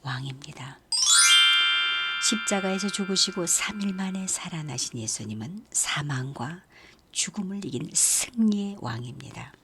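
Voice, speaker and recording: A woman giving a youth sermon in a gentle storytelling manner, asking her listeners questions as she retells a Bible story. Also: lowish voice, animated, measured pace, loud music behind the voice. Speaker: youth ministry preacher.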